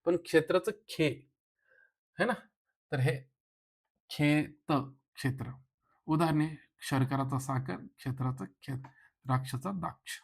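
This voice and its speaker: A man's voice: a little high, unhurried, creaky, long pauses, husky. A man with a Marathi accent teaching an exam-prep grammar lesson, explaining step by step and putting questions to his listeners.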